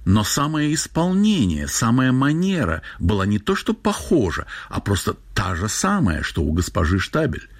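Man, audiobook narrator, measured, low voice, husky, dry close sound. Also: wildly swooping pitch, no echo. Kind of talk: audiobook narration of literary prose.

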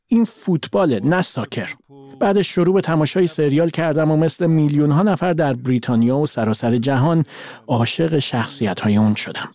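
A man voicing a translation over a guest's words, with a measured, even delivery. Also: medium pitch. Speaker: voice-over interpreter.

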